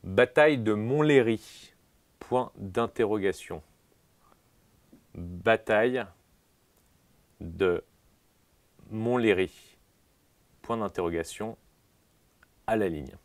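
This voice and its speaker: In a comic dictation sketch, a man plays an examiner, speaking slowly and solemnly in a lowish voice, repeating each phrase and saying the punctuation out loud. There's no echo on the recording.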